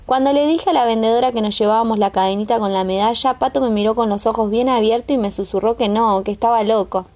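A woman with a Rioplatense Spanish accent narrating an audiobook in a calm, even storytelling manner. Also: a little high, fast, few pauses. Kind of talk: scripted narration.

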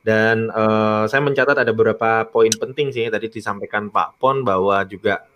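A man co-hosting a live talk, musing slowly and tagging his phrases with "you know" style fillers, and reading out viewer comments. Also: fairly low pitch, fairly even intonation, fairly bright tone, a little hiss or hum. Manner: frequent tag "itu ya" and "gitu ya", hesitant fillers; reads viewer comments aloud. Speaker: co-host of a live talk show. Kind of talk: casual reflective discussion.

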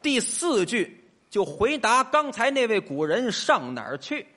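A man performing stage crosstalk as the straight man. He lays out rules patiently and fires back quick, exasperated retorts. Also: extremely high pitch, sing-song, bright, forceful tone.

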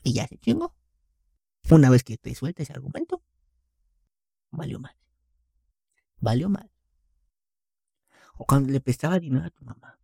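A man's voice: mid-range voice, sing-song, moderate pace, gravelly, long pauses, mellow, breathy edge, dry recording, studio quality. A young man with a Mexican accent giving a crude, joking comedic monologue full of slang. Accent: Mexican Spanish.

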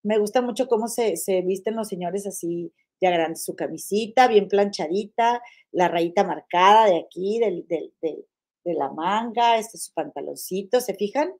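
A woman hosts a live-streamed podcast in a loose, chatty way. She talks warmly to her "comadres," sprinkles in diminutives, and often restarts her phrases. Her voice swings easily between loud bursts and quiet asides. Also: mid-range voice, moderate pace. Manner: chatty, affectionate, uses many diminutives and "comadre"; frequent fillers and restarts, animated swings in loudness. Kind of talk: casual live chat reading viewer comments.

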